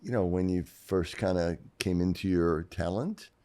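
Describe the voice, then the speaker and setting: A man's voice: low-pitched, unhurried, mellow. A man co-hosting a podcast, asking questions in an easygoing way. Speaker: podcast co-host. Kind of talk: casual podcast chat.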